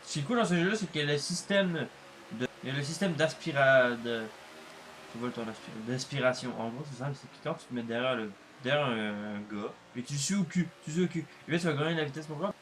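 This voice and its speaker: A man's voice: medium pitch, fast, a bit bright, slight background noise. A man giving casual gameplay commentary, rambling with lots of fillers and crude swearing. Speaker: gaming youtuber.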